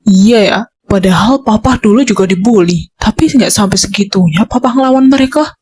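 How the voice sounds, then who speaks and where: A woman playing a teasing, gentle mother in an amateur voice drama dub. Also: medium pitch, normal speed, husky.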